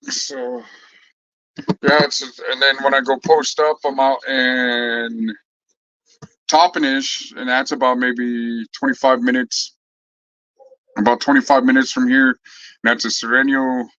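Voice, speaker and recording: A man's voice: mid-range voice, flat delivery, a little slow, long pauses, pushed and bright, no echo, lo-fi sound. A man chatting casually on a live stream, answering viewers in a laid-back, slangy way, swearing freely and laughing often as he tells stories.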